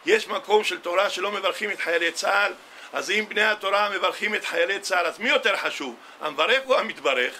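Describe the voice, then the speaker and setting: A rabbi delivers a Tisha B'Av sermon, telling stories and acting out the dialogue of a quoted exchange. His voice sits high, sounding pushed and bright, with slight background noise.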